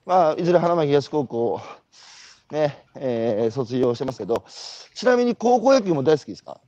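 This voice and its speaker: A man's voice: a little high, moderate pace, dry recording, lo-fi sound. A man from Iwate with a Tohoku accent, hosting a walking interview and telling stories with rhetorical questions. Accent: Tohoku Japanese. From Iwate, Japan. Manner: animated, storytelling with rhetorical questions. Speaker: host. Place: outdoors, walking.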